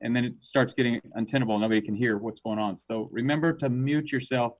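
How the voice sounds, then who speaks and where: A man with a mid-pitched voice runs a virtual meeting over a video call. He gives firm, practical directions to the participants. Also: fairly even intonation, fast talker, muffled recording. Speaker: meeting organizer.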